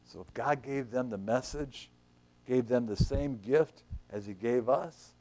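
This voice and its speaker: A male pastor preaching a sermon, animated and conversational, acting out the scripture figures and dropping to a whisper for emphasis. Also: measured pace. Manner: animated, acts out the Bible figures with shifts in pitch and volume.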